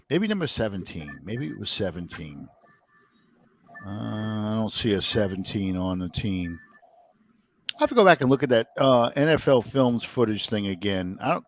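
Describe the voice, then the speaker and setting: A man's voice: fairly low pitch, no room sound. A man from the New Orleans area hosting a casual sports podcast, rambling and thinking aloud with many ums. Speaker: podcast host.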